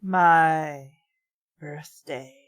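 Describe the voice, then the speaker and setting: A woman voicing a gruff, irritable male hedgehog antihero in a fan fiction reading. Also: deep voice, steady tone, drawn-out words, pitched below the performer's own voice. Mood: sullen, angry.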